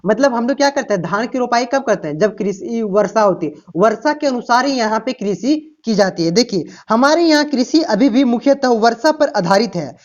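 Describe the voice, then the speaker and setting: A woman's voice: a little high, animated, normal speed, hardly any pauses. A woman teaching an exam-prep lesson to students, often asking a question and then answering it herself. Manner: explains with rhetorical questions, repeats "ठीक ना" and "प्यारे बच्चों". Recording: dull lo-fi recording.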